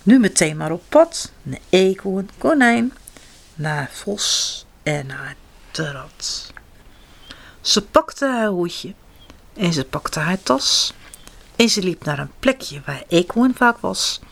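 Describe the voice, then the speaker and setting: Slow, expressive woman storyteller. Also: on the low side, gravelly. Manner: expressive, slow, sing-song reading. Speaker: children's storyteller. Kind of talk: reading picture books aloud to children.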